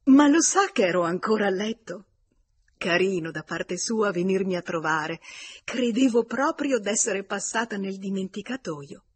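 A woman reading aloud, giving voice to a lively young lady who exclaims brightly and speaks up over the narration. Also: unhurried, breathy edge, dry recording, exaggerated voice. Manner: bright, exclaiming, louder and higher than the narration.

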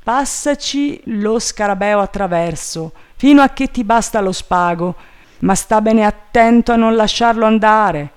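A man voicing an excitable, anxious male gentleman who shouts urgent orders up a tree. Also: sits high, measured pace, smooth, pitched above the performer's own voice. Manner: urgent, agitated calling out.

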